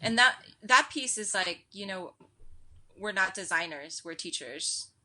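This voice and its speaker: Bright, animated American woman. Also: mid-range voice. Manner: animated storyteller, quick with fillers and quoted asides. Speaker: edtech director, podcast guest. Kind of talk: casual interview conversation.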